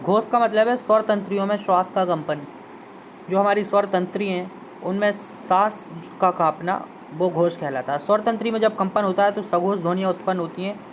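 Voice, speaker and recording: A man's voice: high voice, steady tone, normal speed, a little hiss or hum, rough recording. A man teaching a Hindi grammar lesson, repeating terms and sounding out example vowels while inviting students to try them. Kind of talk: classroom lesson explanation.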